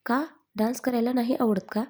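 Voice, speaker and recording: A woman's voice: a little high, flat delivery, fairly quick, a little mellow, close to an everyday voice. Cheeky teasing young man, as a woman reads him. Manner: cheeky, joking.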